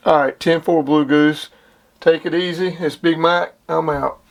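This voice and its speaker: Here a man with a slightly high voice and a steady tone speaks a little slowly, offering laid-back CB radio chatter and commentary in everyday radio slang. He's a CB operator and video host. Radio hiss and clicks run through the noticeably noisy audio.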